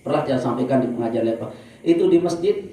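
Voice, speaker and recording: A man preaching a sermon to a congregation in Indonesian, telling stories in a lively way and speaking to the listeners directly. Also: medium pitch, fast. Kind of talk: sermon at a religious study gathering. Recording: very echoey room, distant mic, faint ambience.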